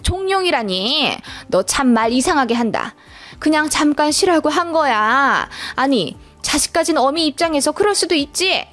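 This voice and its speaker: Scolding older mother-in-law, voiced by a woman reader, high pitched, lively intonation, soft music behind. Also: normal speed. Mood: defensive. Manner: scolding, lecturing in informal speech. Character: sharp-tongued older Korean mother-in-law, defensive and scolding.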